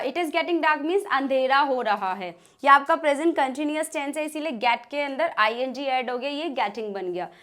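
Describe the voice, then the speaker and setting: A woman teaching English grammar in Hindi, saying each English example sentence slowly and repeating her points patiently. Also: sits high, a bit bright. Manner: repetitive, patient explaining. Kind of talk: bilingual grammar lesson.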